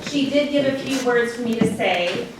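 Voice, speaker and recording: A young woman speaking at a charity concert, close to tears, halting with ums and nervous laughs. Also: a little high. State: close to crying. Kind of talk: emotional speech to a live audience. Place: concert hall. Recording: echoey hall, distant mic, room noise.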